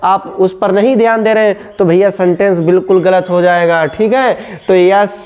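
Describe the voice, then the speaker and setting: A man with a high, clean and resonant voice teaches a grammar lesson. He drills each word by asking a question and answering it himself. The recording sounds a little dull and lo-fi. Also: fairly even intonation, normal speed, clear, resonant tone. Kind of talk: classroom-style grammar lesson.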